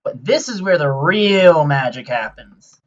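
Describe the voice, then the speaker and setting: A man giving casual gameplay commentary, rambling and excitable as he explains his build, with many filler sounds. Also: a little high, unhurried, highs cut off.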